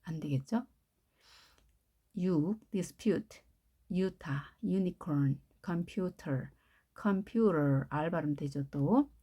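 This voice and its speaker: A woman's voice: lowish voice, lively intonation, extremely slow, mellow, husky. A woman with a Korean accent teaching English pronunciation, explaining step by step and repeating each word. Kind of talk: classroom-style pronunciation lesson.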